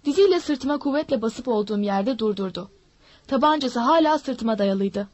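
A woman narrating a story in a steady, dramatic reading. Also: fairly high pitch, moderate pace, dry recording, muffled recording.

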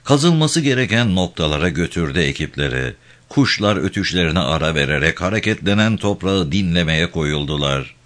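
Brief: male audiobook narrator, very low voice, animated and expressive delivery. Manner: expressive, measured storytelling.

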